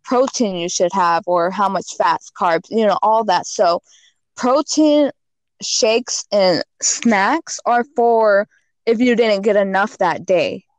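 A woman's voice: mid-range voice, lively intonation, takes it slowly, no echo. A woman guest on a casual podcast, giving frank fitness and diet advice with lots of "like" and "you know.".

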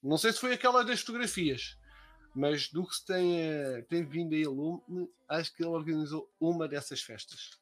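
A man's voice: on the high side, moderate pace, fairly bright tone. A young man with a European Portuguese accent chatting casually as a live stream co-host, slangy and full of swearing.

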